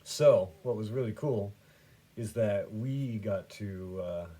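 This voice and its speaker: Rambling man with a dark, low voice. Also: takes it slowly. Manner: rambling, many fillers and restarts; easily amused, swings between quiet and loud. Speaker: podcast host. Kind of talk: casual storytelling.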